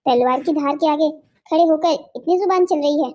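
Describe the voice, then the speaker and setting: A woman's voice: high-pitched, fairly quick, warm tone, lightly acted. Woman voicing a sneering cartoon kidnapper man. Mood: taunting. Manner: taunting, sneering threats. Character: swaggering male sword-wielding kidnapper, mocking.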